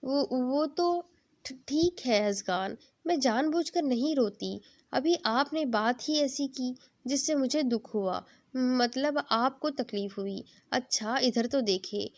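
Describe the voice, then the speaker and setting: A sweet, teary young bride, pleading and affectionate, read by a woman in her own fairly high voice. A storybook reading with gentle, coaxing delivery.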